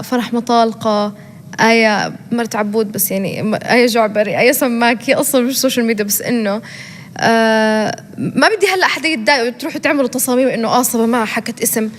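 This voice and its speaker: A young woman with a Jordanian accent, a guest chatting casually in an interview, talking quickly with many fillers and restarts. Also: fairly high pitch, steady tone, slight background noise. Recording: hall reverb.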